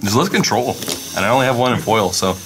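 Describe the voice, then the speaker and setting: A man's voice: mid-range voice, lively intonation, fast talker, noisy background. A man playing a card game, chatting casually, teasing and laughing often. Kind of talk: casual chat during a match. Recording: crowd chatter around the mic. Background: crowd.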